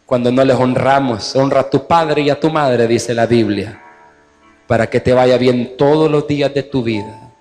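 A man from Guatemala preaching a Mother's Day sermon as pastor, impassioned, quoting mothers in a lively voice. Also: medium pitch, moderate pace, in a large hall, faint music behind. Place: church service.

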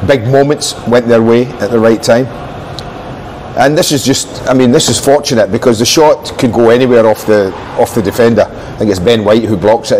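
A man's voice: medium pitch, darkish tone, slight background noise, rough recording. An older man giving blunt, opinionated football analysis in a TV studio on a lapel mic. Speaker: football pundit.

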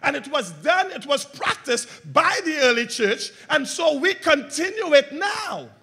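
In an unhurried, sing-song cadence with a gravelly texture, a man preaches as pastor. He invites call-and-response from the congregation, his volume rising to emphatic peaks and dropping to quiet lows.

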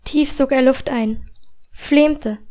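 A woman reading a fantasy audiobook in first person, with a calm, even storytelling delivery. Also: high voice, slow. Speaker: audiobook reader.

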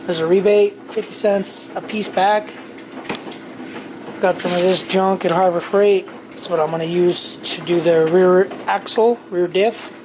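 A middle-aged channel host with a high-pitched voice rambles slowly and offhandedly through a casual haul vlog, full of fillers, trailing off and correcting himself. He films himself point-of-view on a handheld camera mic indoors in his home garage workshop, with a steady hiss of noise beneath his voice.

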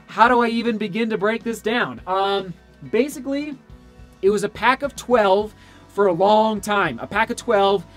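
Speaking to camera from a small home studio lined with shoe brand boxes, this thirtysomething running vlogger sounds a bit hoarse and tired as he goes over race results. His voice is high-pitched and his pace moderate, with soft music in the background. The talk is casual and eager, wandering with fillers and corrections.

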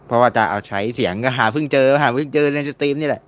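A man's voice: mid-range voice, racing. A man giving a casual, screen-recorded tutorial, chatting and repeating words while he searches and clicks. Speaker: mobile game modding tutor.

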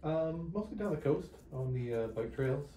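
A man, a patient, chatting in a relaxed, hesitant way during a clinic visit. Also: on the high side, normal speed, reverberant. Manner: laid-back, hesitant, laughs easily. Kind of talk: casual chat. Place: clinic room.

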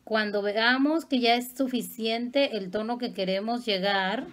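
A makeup artist woman guides viewers through her look one step at a time. She talks slowly and affectionately, in a slightly high voice, and keeps checking that they follow. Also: a bit bright. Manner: patient, affectionate teaching tone.

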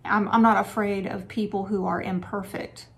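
A woman's voice: medium pitch, flat delivery, moderate pace, vocal fry. A woman hosting a relationship advice talk, speaking frankly in a casual, lightly sarcastic way. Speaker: relationship and dating advice host.

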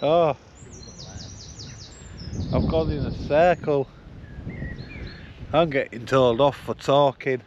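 A Yorkshire man vlogging about van life chats casually and jokily to viewers, speaking slowly with frequent pauses in a medium-pitched, darkish voice. The on-location audio is muffled with a little hiss or hum.

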